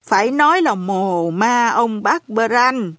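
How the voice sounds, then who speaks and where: A woman voicing a hard-of-hearing elderly landlady who speaks in a slow, lamenting, folksy way. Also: fairly high pitch, lively intonation, a bit bright, dry recording, clean studio sound. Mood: lamenting, gossipy.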